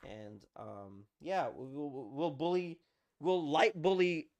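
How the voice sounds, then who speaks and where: A young adult live-stream host in casual chat with viewers, playful and animated, often repeating short phrases. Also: mid-range voice, slow pace, highs cut off. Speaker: livestream host.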